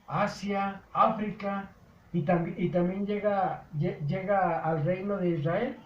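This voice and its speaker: A high-voiced man with a Mexican Spanish accent teaches scripture in a chatty, homespun manner, often restarting his words. The recording is roomy, somewhat muffled, with faint ambient hum. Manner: folksy, repetitive, many stammered restarts. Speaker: Bible teacher. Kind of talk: informal catechesis lecture.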